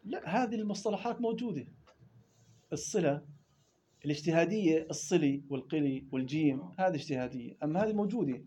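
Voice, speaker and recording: A man teaching tajweed rules in a classroom lesson, explaining quickly and chanting verse examples in between. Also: fairly high pitch, animated, mellow, highs cut off, slight background noise. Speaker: Quran recitation teacher.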